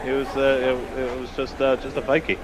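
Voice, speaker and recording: A man's voice: mid-range voice, completely flat delivery, brisk, background noise. A man playing a tabletop game, bantering casually in a playful, jokey way.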